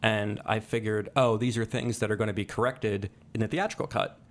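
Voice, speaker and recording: This co-host, whose voice is lowish, fairly even in intonation and fairly quick, has a casual podcast conversation about movies. His delivery is thoughtful and hesitant, full of fillers.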